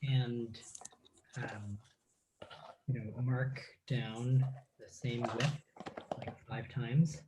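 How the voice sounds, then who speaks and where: A man guest on a video call, talking in a relaxed, halting way as he crafts and thinks aloud. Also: mid-range voice, noisy background. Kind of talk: casual chat while crafting.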